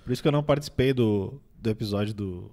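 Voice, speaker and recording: A man's voice: fairly low pitch, fast. A man with a nasal voice from a cold, chatting casually as a film critic. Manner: relaxed, rambling with restarts. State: recovering from a cold. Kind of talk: casual film review chat.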